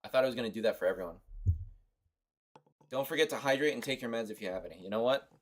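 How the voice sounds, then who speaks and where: A man's voice: medium pitch, animated, fast. A young man from Costa Rica streaming a mobile game, chatting offhand and rambling to his viewers. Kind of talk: casual livestream commentary.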